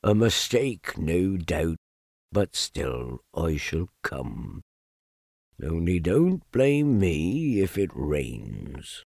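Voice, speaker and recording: A man voicing a gloomy, sarcastic old male donkey in a storybook reading, with a low, slow, mournful drawl. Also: big pitch swings, gravelly, darkish tone, no room sound, studio quality, heavily acted.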